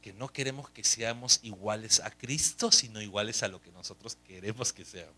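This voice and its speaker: A middle-aged man, a pastor, preaching a sermon in a lively, joking way full of rhetorical questions. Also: fairly low pitch, normal speed. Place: church hall. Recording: echoey room, mic at a distance.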